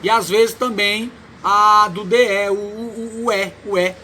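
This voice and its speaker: A man with a Cearense Brazilian accent teaching a Portuguese lesson, explaining slowly and checking in with "né?" after nearly every phrase. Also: high voice, steady tone, sharp tone, slight background noise. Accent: Ceará, Brazil. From Ceará, Brazil. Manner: explains slowly, tags lines with "né?", repeats words. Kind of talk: recorded online lesson.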